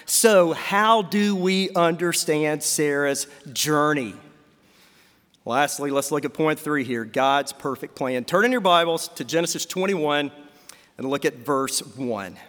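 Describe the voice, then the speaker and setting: A man's voice: a little high, a little slow, a bit bright, big-room sound. A man preaching a sermon as a pastor, asking his congregation rhetorical questions.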